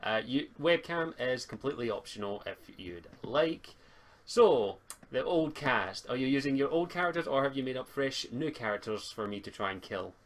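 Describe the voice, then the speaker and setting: Speaking at a normal pace with an expressive, mid-range voice, a man casually leads a tabletop roleplay as its host and game master. The group voice call carries his audio from a noisy home computer microphone.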